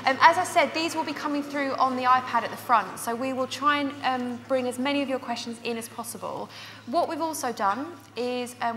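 Friendly woman host, slightly high voice; big hall reverb. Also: a bit bright, slight background noise. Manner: friendly, with many ums. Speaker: event host. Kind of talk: hosting a panel at a welcome talk. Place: large lecture hall stage. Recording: hall reverb with audience ambience.

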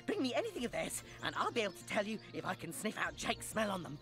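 A woman's voice: medium pitch, quick pace, music in the background, natural voice. A woman voicing a loyal, simple talking dog in a video game, blunt and childlike, grieving its best friend. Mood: matter-of-fact, grudging. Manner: blunt, excitable, childlike wording. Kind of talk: animated video game voice acting.

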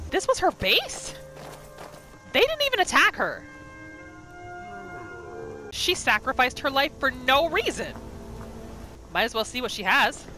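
With a high, bright voice and a forceful tone, a woman offers reactive commentary on a roleplay game she's playing through. She exclaims, poses rhetorical questions and voices the character, all over video game music and sound effects.

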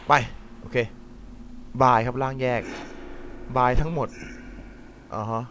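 A male gamer with a slight cold talks through his playthrough, excitable and full of cursing outbursts. His voice sits in an ordinary middle range. There is clear noise under the recording. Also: medium pitch, takes it slowly. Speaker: gaming channel host. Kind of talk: let's-play commentary.

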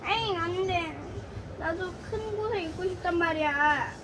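A woman's voice: very high-pitched, unhurried, noisy background. A woman voicing a mischievous, whiny pair of toy swim goggles that pleads to keep playing. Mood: sulky. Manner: pleading, whimpering.

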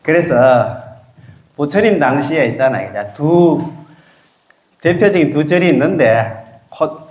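A man, a Buddhist monk, teaches a class in a casual lecture style with a lilt. His voice sits fairly high and swings up and down a lot. He keeps asking his listeners to agree, and the room adds a clear echo. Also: animated, unhurried, darkish tone.

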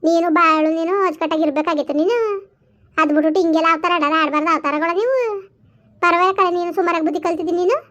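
A woman playing a shrill, quick-tongued village woman. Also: fairly even intonation, a bit bright, lo-fi sound. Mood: scolding. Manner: quarrelsome, scolding, argumentative. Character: bickering village woman in a family feud. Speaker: village family drama actor. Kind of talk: village family drama dialogue.

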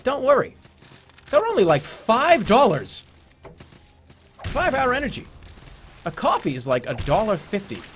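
A man voicing an overeager male announcer in a mock energy-drink commercial, with a loud, pushy sales pitch. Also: huge pitch swings, a little slow, long pauses, exaggerated voice. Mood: hard-selling.

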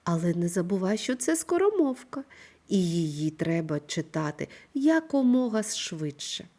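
A woman teaching a primary school reading lesson, speaking slowly and clearly in an instructive manner. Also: fairly low pitch. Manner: slow, clear, instructive delivery with lively intonation. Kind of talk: scripted online reading lesson.

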